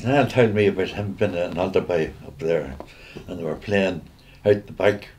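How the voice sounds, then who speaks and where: Older Northern Irish man, deep voice. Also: a little slow, slight background noise. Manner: rambling anecdotes with hesitant restarts and chuckles. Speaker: interviewee. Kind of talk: reminiscing storytelling.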